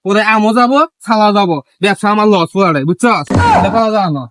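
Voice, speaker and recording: A man's voice: high voice, music in the background. A man with a rural Bangladeshi Bengali dialect, playing a greedy, blustering village moneylender in a comedy skit. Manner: greedy, blustering, fast-talking.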